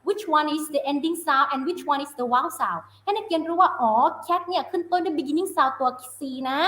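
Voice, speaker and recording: A woman's voice: high voice, a bit bright. A woman teacher giving a live phonics lesson, switching between Thai and English and often checking that listeners follow. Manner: mixes Thai and English, asks checking questions. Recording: roomy echo.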